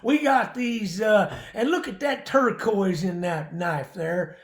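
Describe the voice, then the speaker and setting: A man putting on a Southern US accent to play a folksy late-night TV knife salesman, pitching in a slow, drawling way. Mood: salesy. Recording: roomy echo.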